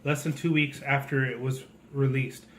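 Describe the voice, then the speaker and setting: A man's voice: mid-range voice, little pitch movement, normal speed, a bit bright. A man speaking as a co-host in a casual, conversational complaint, explaining his opinions. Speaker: co-host and toy collector. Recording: noticeable background noise.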